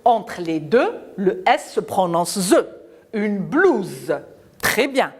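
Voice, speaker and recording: This primary school teacher runs a slow-paced French lesson for little ones, using a lively, sing-song rise and fall. She repeats and stretches every word and sound so the children can follow.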